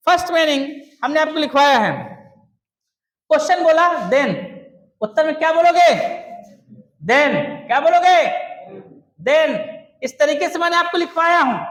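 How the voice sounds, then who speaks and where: High-voiced man drilling a class loudly. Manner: emphatic, loud, often shouting to the class. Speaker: spoken English teacher. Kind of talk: classroom lesson with call-and-response drilling. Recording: echoey room.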